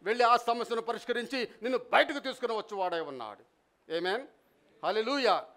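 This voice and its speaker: A man's voice: extremely high pitch, expressive, fairly quick, a bit bright. A male pastor preaching an emphatic sermon, repeating phrases and leading the congregation in responses, with some lines in English spoken.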